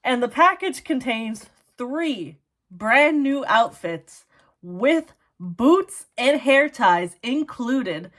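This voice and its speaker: Book vlogger, female, Minnesotan accent, slightly high voice, slow and chatty. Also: animated, fairly bright tone. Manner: chatty, laughing, full of "like" and "you know". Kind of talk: casual book review chat.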